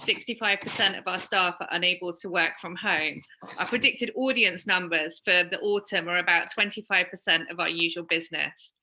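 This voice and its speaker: Bright-voiced woman reading a talk. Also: fairly low pitch, slight background noise, poor audio. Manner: measured, reading from a script. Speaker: panel speaker. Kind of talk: read prepared talk.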